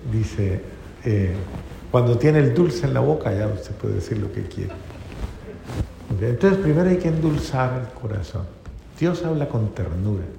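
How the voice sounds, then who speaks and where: Gravelly-voiced male preacher in echoey hall. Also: mid-range voice, a little hiss or hum. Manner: rhetorical questions, drops to soft tender tones. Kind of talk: sermon. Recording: echoey hall with faint ambience.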